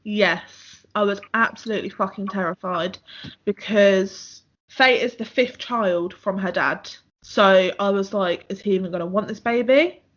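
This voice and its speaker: A woman's voice: medium pitch, a little slow, a bit bright. A young woman from England, co-hosting a casual podcast and telling a personal story bluntly, with some swearing. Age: 20s. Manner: candid and blunt, swears freely, storytelling pace. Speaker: podcast co-host. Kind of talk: casual chat. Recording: muffled lo-fi podcast audio.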